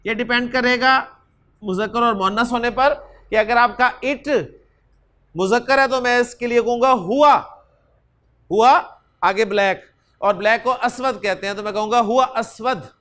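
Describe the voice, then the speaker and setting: A man teaches a grammar lesson. He repeats short pronoun forms in a steady chant and peppers his explanations with a polite "ji". He gestures with his hands as he talks. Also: very high voice, normal speed. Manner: drills pronouns in chanted repetition, says "जी" often. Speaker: Arabic teacher. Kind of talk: classroom-style grammar lesson.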